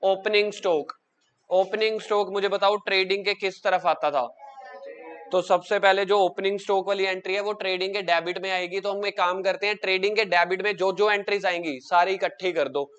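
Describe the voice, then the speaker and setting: A man teaching an accounts class, drilling students with quick questions and coaxing answers from them. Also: high-pitched, steady tone, fairly bright tone, clean tone. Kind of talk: classroom lecture.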